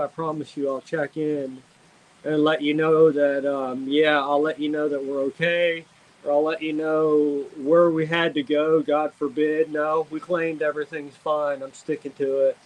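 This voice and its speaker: A man's voice: a little high, rough recording. A man giving a casual live storm update to viewers in a rambling, hesitant, conversational way. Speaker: livestreamer giving a hurricane update. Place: outdoors outside own house ahead of a storm.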